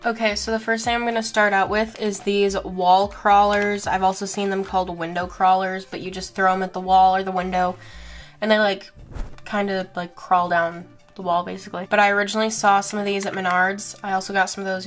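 A woman's voice: medium pitch, little pitch movement, a little fast, soft background music. Congested young woman chatting through a haul. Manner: chatty, filler-heavy. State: congested, sick. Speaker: vlogger. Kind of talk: casual haul video.

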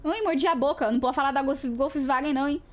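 A woman's voice: high voice, quick pace. A woman with a Brazilian Portuguese accent chatting casually on a live stream, playful and giggly, greeting viewers by name and laughing as she trips over tongue twisters.

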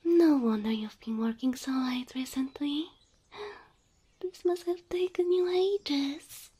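Playing a gentle cow girl girlfriend in an ASMR roleplay, a woman from a Slavic country speaks in a high, mellow, breathy voice that often slips into a whisper. She sounds amazed and delighted, her delivery slow, tender and affectionate, full of wonder.

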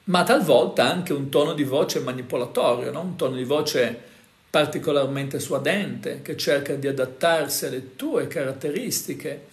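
A man's voice: on the high side, moderate pace, reverberant. A man hosting a casual talk, explaining things to viewers in a conversational way, full of fillers and tag questions. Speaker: host.

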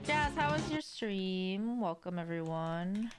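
A young woman streams a game live from a room at home, chatting casually and talking straight to her viewers. Her medium-pitched voice is expressive and smooth, her pace slow, with faint music in the background.

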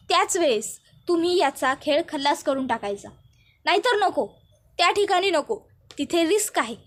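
A scheming young man barking blame and orders, as a woman storyteller reads his lines. The voice stays high. The delivery is flat and commanding. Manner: blaming, commanding. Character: scheming angry young man plotting a killing.

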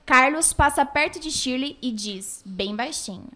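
A woman's voice: sits high, lively intonation, unhurried, bright, forceful tone. A woman reading scripted narration for a radio soap opera in the manner of an old radio show.

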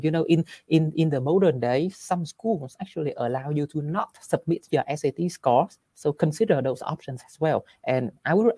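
A man with a Vietnamese accent, giving careful college advice as a panelist on a video call, pausing often on fillers. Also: fairly high pitch, warm tone, breathy edge, no room sound. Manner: careful, advising, with fillers and restarts. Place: small room indoors.

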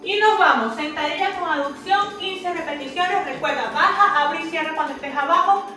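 Female fitness instructor, bright high voice, unhurried, short encouraging commands, rep counting, roomy distant recording, music behind. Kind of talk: workout instruction, counting repetitions aloud. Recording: echoey room, far from mic, music behind.

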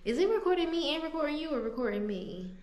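A woman's voice: sits high, big pitch swings, quick pace, a little mellow, reverberant. A woman co-hosting a vlog in casual chat, playful and joking.

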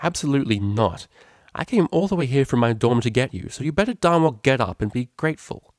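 Brief: a man doing a proper young pony cellist, bossy and scolding, a touch higher, dry close sound. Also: expressive, normal speed, darkish tone, no echo, close to an everyday voice. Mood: exasperated. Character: prim determined young female cellist pony. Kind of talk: audiobook character voice.

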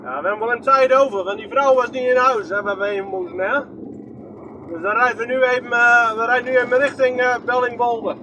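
A man's voice: extremely high pitch, a little fast, sharp tone, slight background noise. A man with a Groningen accent giving rambling, chatty running commentary from inside a moving vehicle, filming on a handheld phone and asking himself questions as he goes. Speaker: vlogger. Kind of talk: casual running commentary while driving.

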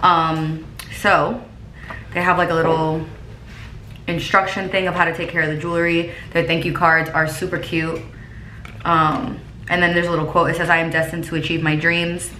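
A woman's voice: on the low side, little pitch movement, moderate pace, sharp tone. A young adult woman with a lisp and whistling s sounds, chatting casually as a vlogger at home into a camera mic. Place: rooms inside a house. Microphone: camera mic at about arm's length. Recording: echoey room with clear background noise.

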